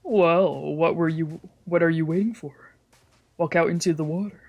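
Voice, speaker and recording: With visual novel music playing behind, a streamer reads the story aloud as let's play narration in a mid-range voice that's a little mellow and moves at normal speed. Every so often a phrase trips them up and gets read again.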